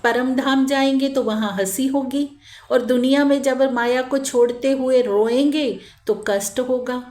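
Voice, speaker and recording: A woman giving a gentle devotional sermon, pleading and repeating lines slowly for emphasis. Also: high voice, steady tone, reverberant. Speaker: spiritual preacher.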